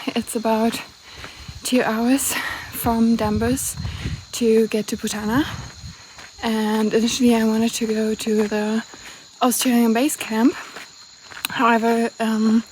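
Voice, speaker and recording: A young woman talking casually to her camera while hiking a mountain trail outdoors, chatty and quick to laugh. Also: a little high, low-quality recording. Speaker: travel vlogger. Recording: outdoor noise behind voice.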